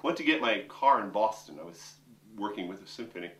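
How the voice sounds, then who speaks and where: Speaking expressively and a little fast, a middle-aged vocal coach and opera singer offers a chatty, joking instructional talk to camera from a room with a piano. His voice is fairly low and fairly bright, heard through a distant mic with a roomy sound.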